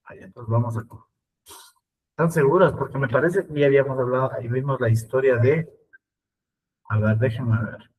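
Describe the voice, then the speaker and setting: A man teaching an online English class, speaking slowly and repeating words for his students to copy. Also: mid-range voice, darkish tone, recorded from a distance, rough recording.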